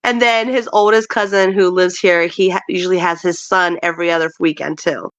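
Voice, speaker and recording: A woman's voice: lowish voice, fairly even intonation, a little fast, no echo, highs cut off. A woman from Chile, a stepmother of a big household, chatting casually, laughing and rambling as she tells stories. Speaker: guest, stepmother of a large household. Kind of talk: casual chat.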